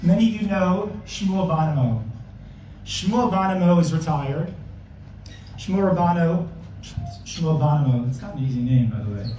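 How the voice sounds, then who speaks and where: Man introducing a speaker at a gala, dark tone, picked up from far off. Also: fairly high pitch, lively intonation, normal speed, slight background noise. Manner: joking, plain-spoken. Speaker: host. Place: banquet hall. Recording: echoey hall, mic far off.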